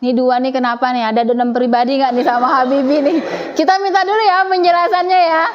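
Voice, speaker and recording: A woman teacher speaks high in her range and keeps her students engaged with playful prodding and quick questions. She sounds like she is leading a lively lesson. The recording is muffled and lo-fi. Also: slight background noise. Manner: playful, teasing, coaxing students. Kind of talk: classroom teaching.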